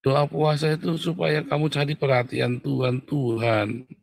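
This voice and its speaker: A man preaching a sermon in a casual, animated way, often calling out to his listeners and acting out little quoted exchanges. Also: a little slow, vocal fry, no room sound, studio quality. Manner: animated, jumps to loud high exclamations and acted quotes; colloquial, addresses listeners as Saudara. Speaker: pastor.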